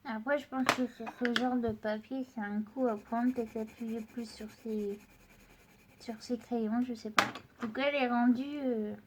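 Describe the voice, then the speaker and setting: Against some background noise, a woman with a slightly high, steady voice speaks a little slowly. As an art channel host with a cold, she sounds stuffy, chatting directly and casually to viewers with many fillers while showing craft supplies and testing paper.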